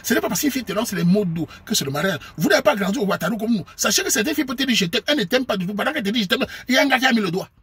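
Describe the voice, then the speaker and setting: A man from Cameroon with a Cameroonian French accent, delivering a preachy, scolding monologue to his viewers and sometimes bursting into shouts. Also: sits high, expressive, very fast, hardly any pauses, breathy edge. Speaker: online commentator.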